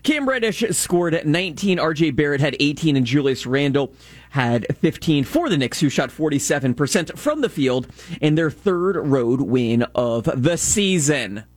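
Man reading sports scores, lively pitch. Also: no room sound. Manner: reads scores briskly, banters with co-host. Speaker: sports radio co-host reading news. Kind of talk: sports talk and news reading.

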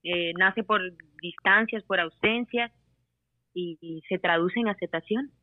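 A woman raised in Costa Rica and Panama talks as an interview guest, relaxed and often breaking into laughter. Her voice comes through a thin, tinny phone line. There is no room sound around it. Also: mid-range voice, measured pace, no room sound. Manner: laughs often between phrases. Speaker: singer-songwriter guest. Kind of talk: casual interview over the phone.

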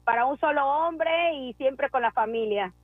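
A woman's voice: sits high, normal speed, no echo. Woman calling in on a tinny phone. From Peru. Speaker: caller. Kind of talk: phone call to a radio show.

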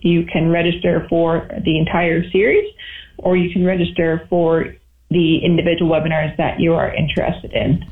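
A woman's voice: on the low side, little pitch movement, moderate pace. A woman giving information in a radio interview as an industry representative. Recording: echoey, tinny phone line.

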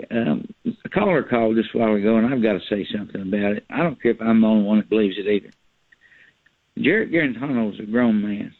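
A man's voice: medium pitch, dry recording. A man, calling in to a sports radio show over the phone, talking in a folksy, worked-up, rambling way. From East Tennessee. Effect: heard over a phone line on a call-in radio show. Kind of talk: call-in radio chat. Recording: tinny phone line, dry.

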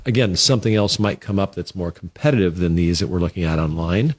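Brief: male real estate agent, low-ish voice, rapid casual podcast talk. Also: slightly rough. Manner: quick and talkative, acts out quoted clients.

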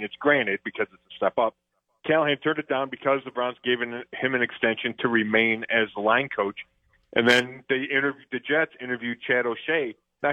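On sports radio, a male football analyst chats about the game, with lots of fillers and false starts. He speaks at medium pitch over dry phone-line audio without echo.

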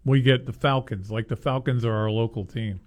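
A man with a medium-pitched voice co-hosts a sports radio show. His chat is casual and halting, with words repeated as he thinks aloud. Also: fairly even intonation.

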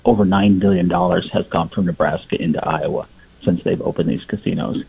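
A man gives an earnest interview comment as a company chief. His voice is very deep, gravelly and strongly husky, and the clip sounds dull and lo-fi. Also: steady tone, fairly quick, dark tone.

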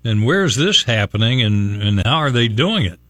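A relaxed man hosts morning radio in a dry studio, his pitch sitting in a middle range. He chats casually with co-hosts and laughs easily. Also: moderate pace, dry recording. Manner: easygoing, laughs often. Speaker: radio host. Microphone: studio microphone.

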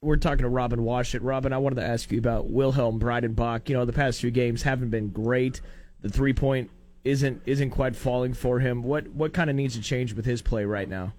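A man's voice: medium pitch, fairly even intonation, normal speed, darkish tone. Conversational male radio co-host. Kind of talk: casual radio chat.

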